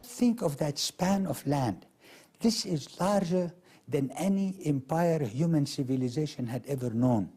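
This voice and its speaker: A man interviewed for a documentary, speaking loudly and emphatically, with rhetorical asides. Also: on the high side, animated, a little slow, slightly rough. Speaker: interviewed expert.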